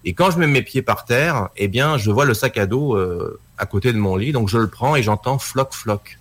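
A man, a guest telling a personal story in a casual talk, lively and full of fillers. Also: mid-range voice, normal speed. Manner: animated anecdote telling, with many fillers and acted quotes.

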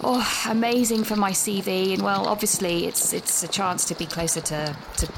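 An actress with a natural, gravelly medium-pitched voice speaks at normal speed with fairly even intonation, background noise audible. She's cast as a young British university student, anxious and talkative, walking outside and rambling breathlessly into a voice message. It's an audio drama voice note, nervous and full of self-interruptions.

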